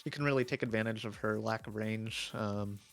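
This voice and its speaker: A man giving live esports draft analysis, chatty and opinionated with many fillers, his voice going hoarse. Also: fairly low pitch, a little fast, a bit bright, soft background music. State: losing his voice.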